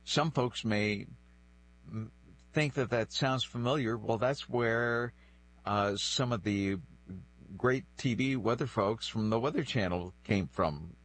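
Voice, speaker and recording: The recording is rough, capturing a slow, mid-range male voice. He's a New Bedford man in his sixties, a native French speaker from the northeastern United States, reflecting on his life as an interview guest through personal storytelling.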